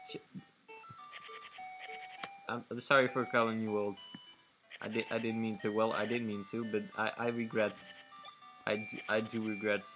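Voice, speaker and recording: A man's voice: on the low side, flat delivery, normal speed, music in the background. A man casually commenting while playing a video game, rambling and correcting himself as he goes. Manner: rambling, self-correcting, giggly asides. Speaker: let's play commentator.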